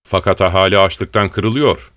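A man's voice: deep voice, measured pace, no echo. A man doing a boisterous rebel chief. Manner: bantering, loud and jovial. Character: boisterous, commanding male rebel leader.

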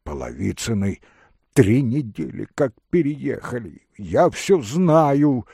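A man reading a novel aloud, voicing a desperate young lover who is frantic and excitable. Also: medium pitch, takes it slowly, gravelly, breathy edge, no echo, clean studio sound, heavily acted. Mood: accusing. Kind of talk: audiobook character reading.

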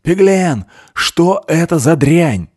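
Guy playing a snappy angry boss, barking orders, higher and loud. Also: expressive, slow. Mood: shouting angry. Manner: curt, shouting commands. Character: sharp, irritable male boss giving orders.

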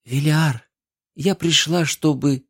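A man voicing a heartbroken young woman who pleads tearfully and breaks into shrill outbursts. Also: steady tone, takes it slowly, a bit bright, breathy edge, full character voice. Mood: tender.

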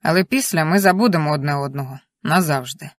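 A reader lends an even, middling voice to a steady, serious husband in an audiobook, measured and earnest. He speaks quietly and firmly. The sound is dry and close. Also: mid-range voice, dry recording, voice pushed down, natural voice. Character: grown man, calm, firm husband. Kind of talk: audiobook dialogue reading.

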